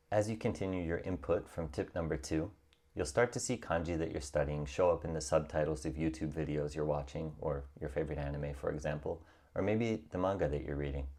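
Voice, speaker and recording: A young man calmly and encouragingly narrating a scripted tutorial on learning a language. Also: very deep voice. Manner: calm, encouraging and reassuring.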